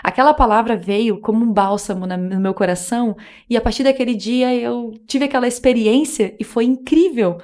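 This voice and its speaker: A woman's voice: a little high, fairly quick, few pauses, darkish tone. A woman guest, telling her faith testimony in casual chat, earnest and emotional, acting out remembered dialogue. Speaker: podcast guest.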